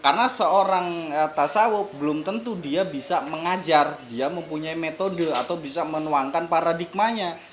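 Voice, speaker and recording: A man with an Indonesian accent and a fairly high voice talks at a normal pace over crowd noise. He's a guest on a casual podcast, explaining Sufi ideas through everyday examples with a relaxed, joking manner.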